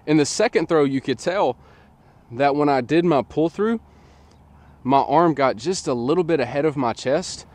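A disc golf coach in his twenties, slightly nasal from a sinus infection, explains a technique in a relaxed, chatty way. His voice is a little high at normal speed with no room sound, recorded by a tripod camera at a distance in an open field.

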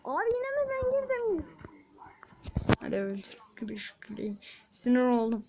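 A woman giving casual gameplay commentary as a channel host, excitable, with frustrated outbursts and shouted sound effects. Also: high voice, measured pace, very noisy.

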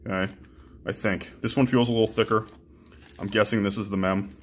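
A young man with a slightly low voice talks his way through opening card packs. He is relaxed and chatty, swearing casually and often stumbling into restarts and ums. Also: a little fast, a little hiss or hum. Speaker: card-breaking channel host.

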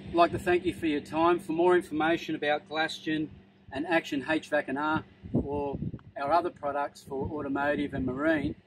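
A man's voice: fairly high pitch, lively intonation, moderate pace, vocal fry, noisy background. A man in his thirties with an Australian accent, giving a plain, practical product demonstration outdoors on a roof. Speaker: product presenter. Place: outdoors on a sunny metal roof.

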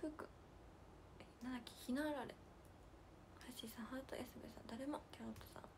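A young woman with a hosts a relaxed livestream, chatting and giggling over stories and reading out fan comments. Her voice sits a little high. She slips into soft, breathy near-whispers to thank viewers, over a faint hiss behind her. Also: quick pace. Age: young adult. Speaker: idol livestream host.

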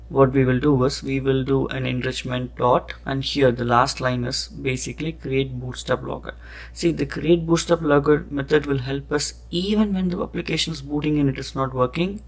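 A man walks through code in a screen-recorded programming lesson. His pitch sits in an ordinary middle range, and he explains step by step, thinking aloud and padding his sentences with "okay" and "that's it". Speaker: coding tutorial host. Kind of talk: screen-recorded coding walkthrough.

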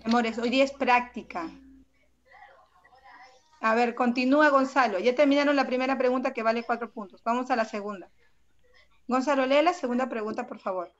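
A woman runs an online language lesson, fairly high-pitched, patient and affectionate yet firm. Her voice comes through a dull, lo-fi video call. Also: brisk, long pauses. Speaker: secondary school language teacher. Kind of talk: online class. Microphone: computer mic on a video call.

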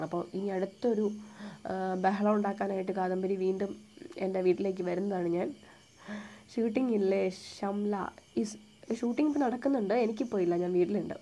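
A young woman with a Thiruvananthapuram Malayalam accent, chatting live and answering viewer comments in a soft, hushed voice with English words mixed in. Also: medium pitch. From Kerala, India. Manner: soft-spoken, quiet, almost hushed; mixes English words into her talk.

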